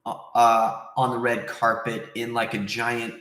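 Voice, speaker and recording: A man's voice: mid-range voice, level tone, slow pace, fairly bright tone. A man hosting a casual livestream, rambling conversationally as he answers viewers, recorded in a very echoey room. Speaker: livestream host.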